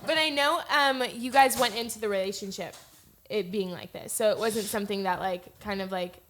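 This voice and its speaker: A woman in her twenties hosting a casual podcast chat, talking fast and loose with lots of "like" fillers. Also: mid-range voice, a bit bright, slight background noise. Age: 20s. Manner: chatty, heavy use of "like" fillers. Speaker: podcast host.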